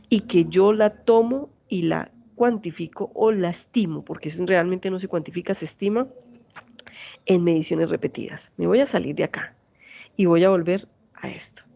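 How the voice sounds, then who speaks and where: A woman's voice: fairly low pitch, gravelly, warm tone, dull audio. A woman in her forties with a Santander Colombian accent, a university teacher giving an online lecture and often asking her students questions. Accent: Santander Colombian Spanish. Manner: asks students many check questions.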